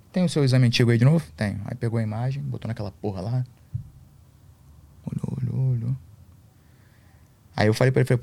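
A man's voice: mid-range voice, creaky, darkish tone, dry recording. A man, a podcast guest and MMA coach, telling a story in slangy, swear-filled casual talk.

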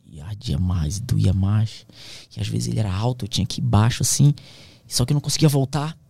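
Gravelly husky man telling a gripping story. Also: on the low side, brisk, darkish tone, no echo. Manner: slangy, intense, drops into whispers. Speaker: airplane pilot and author, podcast guest. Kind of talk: emotional storytelling in casual conversation.

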